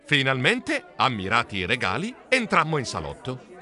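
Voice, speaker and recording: A man reading a children's storybook aloud in a playful, animated way. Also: medium pitch, moderate pace, a faint crowd. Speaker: audiobook narrator.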